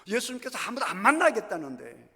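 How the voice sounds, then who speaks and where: A man's voice: very high voice, very animated, fast, sharp tone. A middle-aged male pastor preaching a sermon emphatically in a church sanctuary, acting out scripture scenes with drama. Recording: echoey church hall.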